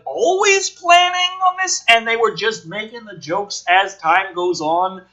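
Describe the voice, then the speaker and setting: On a low-quality recording, a man with a high, sharp voice reads a film screenplay aloud theatrically and with emphasis. As host, he keeps breaking into casual, sweary, sardonic commentary on the script.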